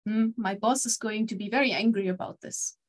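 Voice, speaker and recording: A woman's voice: medium pitch, normal speed. A woman teaching a live online German lesson, encouraging her students and switching between German and English to explain. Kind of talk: online language lesson with quiz.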